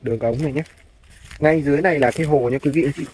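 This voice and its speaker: This real estate agent's voice is on the high side with a darkish tone, and he races through his narration. He leads viewers politely on a walking tour of farmland outdoors, shot on a handheld phone, where background noise comes through clearly.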